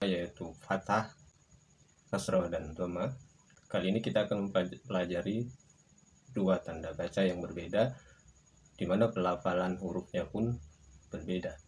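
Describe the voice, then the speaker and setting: A man teaching Quran letter pronunciation in a patient, measured recorded tutorial, prompting the listener again and again to repeat. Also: low voice, a little mellow, slight background noise.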